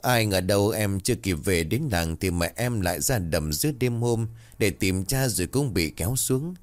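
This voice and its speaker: A man's voice: lowish voice, lively intonation, normal speed, natural voice. A man voicing a simple, earnest young village servant who pleads and grieves. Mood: sad. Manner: pleading, eager.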